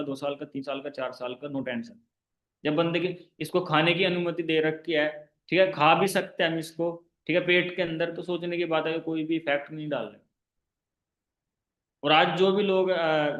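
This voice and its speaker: Man, persuasive sales pitch, rhetorical questions, slightly high voice, roomy echoey sound. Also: fairly bright tone, lo-fi sound. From India. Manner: emphatic, rhetorical questions, keeps asking listeners if they follow. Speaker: online sales trainer. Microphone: online class call.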